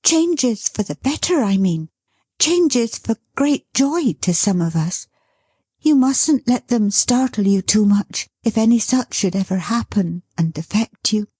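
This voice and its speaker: Putting on the part of a young wife, the woman reading speaks high, fast and breathless as news comes in, rushed, fluttering and high-strung, yet gentle in mood. Her voice swoops with lively intonation, a dark tone and a husky, breathy edge. It is a close, dry recording in the style of a storybook reading.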